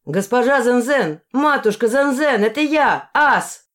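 A woman doing a young man shouting pleas. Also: fairly high pitch, animated, unhurried, voice pushed up. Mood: pleading shouts. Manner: loud, pleading shouts. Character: young village man shouting his return home.

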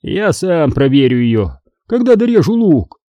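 A man's voice: a little high, very animated, a little slow, warm tone, no echo, voice pushed up. A man voicing a grumbling father who is tearful and impatient. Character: grumpy father chopping onions, tearful.

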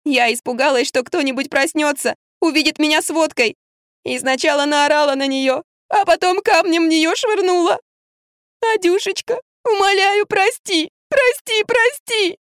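Woman doing a tearful little girl, high pleading voice, dry close sound, storybook. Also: normal speed, no room sound, lightly acted. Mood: sobbing pleas. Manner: sobbing, pleading, rising high.

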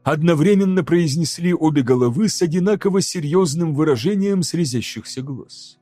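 A man narrating an audiobook in a measured, dramatic reading style. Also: on the high side, lively intonation, mellow, no echo, faint music behind. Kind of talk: scripted narration.

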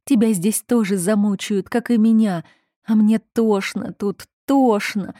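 A woman's voice: mid-range voice, dark tone, no echo, studio quality, lightly acted. A woman voicing a hysterical, melancholy young noblewoman who sobs and lashes out. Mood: distraught. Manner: sobbing, drawn-out, raised outbursts.

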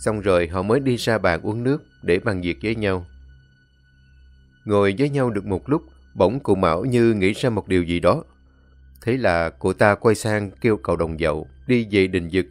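A man narrating a scripted story in a measured, even way. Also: on the low side.

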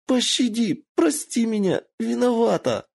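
A man voicing a giggly young female fox werewolf who talks in shrill squeals and whines. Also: lively intonation, unhurried, creaky, full character voice. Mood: pained, begging.

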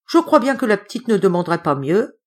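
A woman's voice: mid-range voice, sing-song, a little fast. A woman voicing a scornful male forest bandit who speaks in rustic dialect. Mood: sneering.

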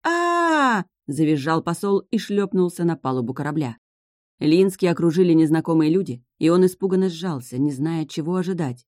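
An audiobook narrator reading a fantasy novel in an even, measured storytelling manner. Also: medium pitch, no room sound. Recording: dry close studio sound.

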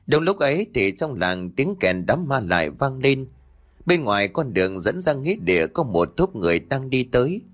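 A man narrating a scripted ghost story in a dramatic, suspenseful manner. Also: lowish voice.

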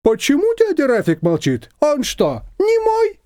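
A man's voice: very high-pitched, wildly swooping pitch, measured pace, warm tone, no room sound, studio quality, pitched above the performer's own voice, heavily acted. A man voicing a talkative, boastful old taxi driver who rambles indignantly. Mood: chatty.

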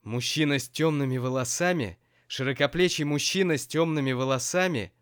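A man voicing a furious, jealous young prisoner who shouts threats in an audiobook. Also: mid-range voice, fairly quick, smooth, dry recording, studio quality, pitched above the performer's own voice, lightly acted. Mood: enraged.

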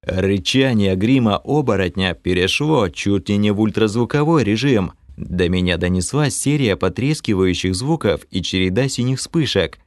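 A man reading a fantasy audiobook in the first person, animated and expressive. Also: on the low side, normal speed, few pauses, no echo, clean studio sound. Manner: animated reading with lively shifts of tone. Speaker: audiobook narrator.

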